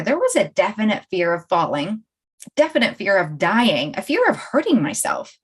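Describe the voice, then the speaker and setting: A woman life coach hosting a live-streamed talk, chatting directly to her viewers and laughing often as she speaks. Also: medium pitch. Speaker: life coach and show host.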